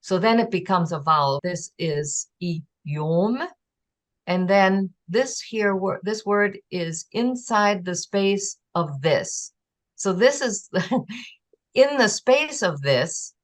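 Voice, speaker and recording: A woman giving an online lecture on a constructed language, explaining slowly with pauses and sounding out example words. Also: medium pitch, animated. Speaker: presenter teaching a constructed language. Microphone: video call.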